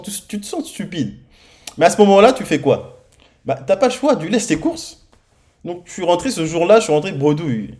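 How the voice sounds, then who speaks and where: A man preaching in church, telling his own testimony in a lively storytelling manner and acting out the dialogue. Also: on the high side. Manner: lively storytelling, acts out dialogue, many repeated starts. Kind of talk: sermon testimony. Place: church hall.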